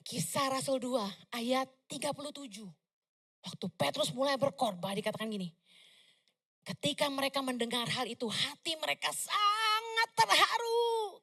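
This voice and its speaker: Woman pastor, high voice, bright and forceful, loud emphatic sermon, casual asides. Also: moderate pace. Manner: loud, emphatic preaching with sudden slangy asides.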